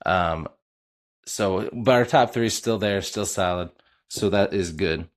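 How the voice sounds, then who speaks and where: Middle-aged male sports podcast host, low voice, keen fan, loose delivery full of uhs. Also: a little slow. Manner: enthusiastic fan, many filler uhs. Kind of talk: casual sports commentary.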